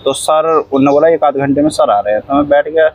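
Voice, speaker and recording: A man's voice: fairly high pitch, fairly even intonation, fast, darkish tone, low-quality recording. A man, a cab driver, telling a long story in a rambling, repetitive way, often coughing and acting out what people said. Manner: rambling, repeats phrases, acts out quoted dialogue; coughs often while talking. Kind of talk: casual storytelling interview.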